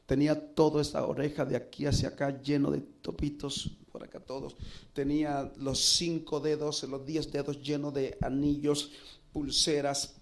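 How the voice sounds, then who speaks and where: Higher-voiced man preaching a sermon. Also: level tone. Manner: earnest, recounting a personal story with dramatic pauses. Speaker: pastor. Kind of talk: sermon storytelling.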